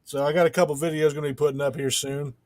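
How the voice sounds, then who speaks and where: Man with a cough, casual podcast chat, slightly high voice, dry room. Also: flat delivery, rapid-fire, no room sound. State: sick with a cough. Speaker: podcast co-host.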